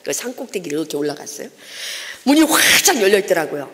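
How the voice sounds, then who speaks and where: A woman evangelist giving a testimony sermon in a church, telling her story in a lively way and acting out the people in it. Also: fairly low pitch, fast talker. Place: church sanctuary. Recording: long reverb of a church hall.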